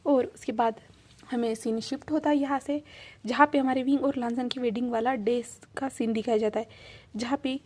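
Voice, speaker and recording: High-voiced woman retelling a story. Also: steady tone, normal speed, darkish tone. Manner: chatty, repetitive, fond of the characters.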